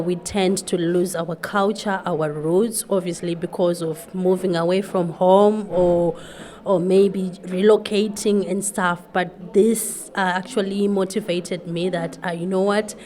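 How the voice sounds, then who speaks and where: A Zimbabwean woman in her thirties, a Shona speaker, answers radio interview questions as a guest at a community event. Her lowish, a little mellow voice moves a little slowly with fairly even intonation, and she sounds hesitant and thoughtful, using many fillers.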